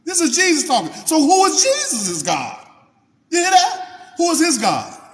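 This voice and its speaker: A man reading scripture slowly and then preaching in casual asides, talking to viewers by name and asking them questions. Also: very high voice, huge pitch swings, big-room sound. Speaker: Bible teacher on a livestream. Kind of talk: informal Bible reading and preaching.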